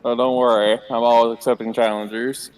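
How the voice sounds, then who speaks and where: A man's voice: medium pitch, level tone, brisk, a little mellow, poor audio. A man playing a tabletop game, playful and sometimes speaking in character. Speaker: player. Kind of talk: tabletop role-play banter.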